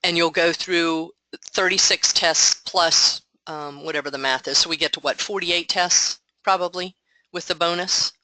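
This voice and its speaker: Bright-voiced woman explaining software on a call. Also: fairly low pitch, steady tone, moderate pace, dry recording, rough recording. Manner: explanatory, patient, thinks aloud. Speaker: software trainer. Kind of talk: online meeting walkthrough. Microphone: headset.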